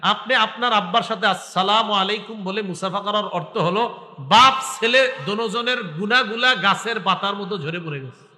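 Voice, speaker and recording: A high-voiced male preacher with a very bright, piercing tone exhorts a crowd, asking questions and chanting Arabic lines. His voice rings through a large hall with long, echoing reverb. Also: moderate pace. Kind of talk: Bengali waz sermon.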